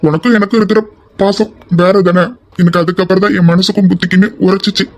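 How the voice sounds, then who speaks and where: A man's voice: high-pitched, fairly even intonation, fast talker, a little mellow. A young man voicing an affectionate, shy young man in an audio drama, speaking in an earnest, tender, pleading way. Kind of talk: amateur audio drama acting.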